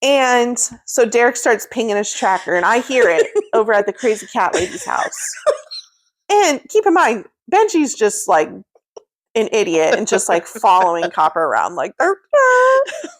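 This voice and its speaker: A woman in her thirties co-hosting a podcast, telling a funny story casually, laughing as she talks and acting out quoted lines. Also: normal speed. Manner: animated, acts out quoted lines with big pitch jumps; frequent laughter while talking. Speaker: podcast co-host.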